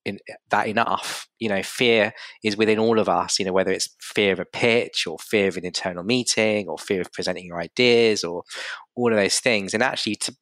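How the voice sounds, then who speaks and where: A man's voice: fairly low pitch, a bit bright, no echo. A man hosting a podcast interview, chatty and encouraging, rambling with filler words. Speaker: podcast host.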